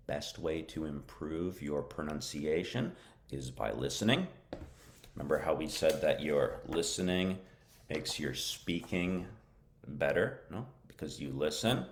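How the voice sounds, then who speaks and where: A man with a deep, low voice teaches a lesson on a live stream. His delivery is casual, and he keeps checking understanding with "okay?" while sprinkling in Arabic words for his learners. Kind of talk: live-streamed English lesson with viewer questions.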